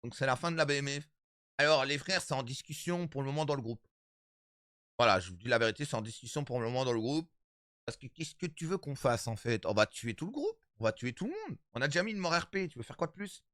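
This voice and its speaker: A man in his thirties, streaming from home and talking straight to his chat. His pitch swings up and down and his voice is bright. The sound is close and dry. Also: quick pace, no room sound. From Italian background. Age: 30s. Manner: animated, repetitive, addresses chat as brothers. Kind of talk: casual stream chat to viewers.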